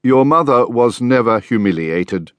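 A gentle middle-aged father confessing softly, full of regret, as a man reads him in an audiobook. His voice moves expressively through the rises and falls of each sentence, close and dry. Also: medium pitch, animated, measured pace, dry recording. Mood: remorseful. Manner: soft, apologetic.

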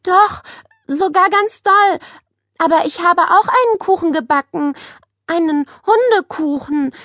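A woman's voice: very high-pitched, unhurried, fairly bright tone, no echo, studio quality, pitched above the performer's own voice. A woman reading an audiobook voices an earnest young schoolgirl who speaks eagerly.

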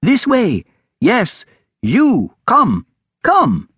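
A man voicing an eager, wiry adolescent boy who wheedles and calls out loudly in an audiobook. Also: on the high side, big pitch swings, normal speed, slightly rough, no room sound, voice pushed up, heavily acted. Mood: calling out.

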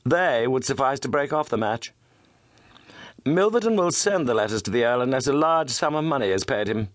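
A man voicing a proud, sharp Victorian detective who speaks in a crisp, precise, commanding way. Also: mid-range voice, animated, normal speed, dry recording, pitched above the performer's own voice, close to an everyday voice. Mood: earnest.

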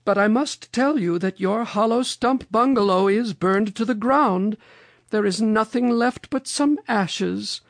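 A reader voicing Mother Goose, a kindly old storybook lady with a dramatic, drawn-out way of exclaiming. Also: mid-range voice, no room sound, pitched above the performer's own voice, close to an everyday voice. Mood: grave.

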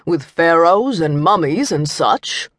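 A woman voicing an older, dignified man who speaks quietly with authority in an audiobook. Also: lively intonation, no room sound, clean studio sound, heavily acted. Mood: curious. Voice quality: low, measured, hushed.

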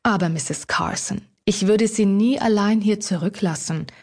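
A loyal old butler with a steady, firm and matter-of-fact voice, as a woman narrator reads him. His tone is slightly husky and measured. An audiobook figure. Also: medium pitch. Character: steady elderly male butler, loyal and calm.

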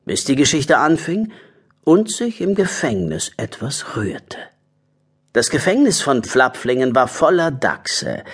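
A man narrating a children's audiobook in an expressive, storytelling way. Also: a little high, husky.

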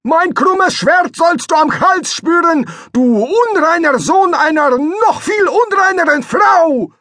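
A man voicing a furious foreign fisherman who shouts grand curses from another boat in an audiobook. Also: very high-pitched, lively intonation, takes it slowly, no room sound, clean studio sound, voice pushed up, exaggerated voice. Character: fisherman from abroad, furious, cursing rival.

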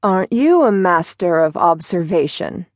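A woman's voice: fairly low pitch, animated, normal speed, dry recording, studio quality, natural voice. A woman voicing a prickly, aloof young woman in an audiobook, curt and haughty. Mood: cool.

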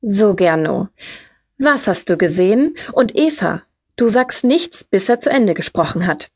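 A woman voicing a calm, measured mother. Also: mid-range voice, breathy edge. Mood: calm stern. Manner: quiet, deliberate questioning.

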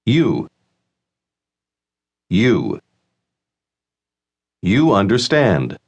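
Man saying drill words super slow, syllable by syllable, big swoopy pitch. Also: huge pitch swings, vocal fry, darkish tone, breathy edge, dull audio. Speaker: model speaker in a language course. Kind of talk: slow, careful pronunciation drills.

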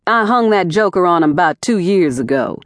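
A woman's voice: on the low side, expressive, fairly quick, no echo, clean studio sound, natural voice. A woman doing a rowdy, folksy male cameraman. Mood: rowdy, jovial. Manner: loud, sing-song, folksy and rowdy. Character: boisterous middle-aged male TV news cameraman.

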